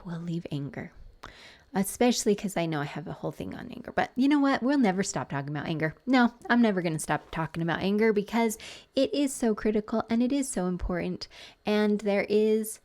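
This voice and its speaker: A woman coach hosting a podcast, talking earnestly and thinking aloud, with restarts and soft whispered asides. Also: mid-range voice. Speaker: podcast host and betrayal trauma coach. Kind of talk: personal reflective podcast talk.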